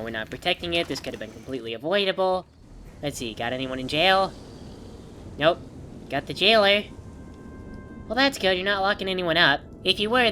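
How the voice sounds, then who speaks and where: A woman with a bright, forceful voice rambles through a video game as its host. Her commentary is wry and sarcastic, with faint music behind her. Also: low-pitched.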